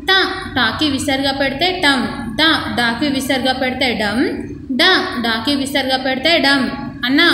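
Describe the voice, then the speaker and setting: A woman schoolteacher giving a lesson to young children, slowly drilling syllables in a sing-song way and quizzing them. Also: high-pitched, pushed and bright. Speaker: school teacher. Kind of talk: recorded lesson for young pupils. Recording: echoey room, faint noise.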